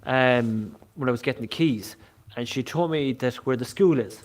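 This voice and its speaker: Speaking at a normal pace in a mid-range voice, this west of Ireland man from Galway rambles casually on his live vlog and tends to repeat himself. He live-streams paranormal investigations while showing off historic sites.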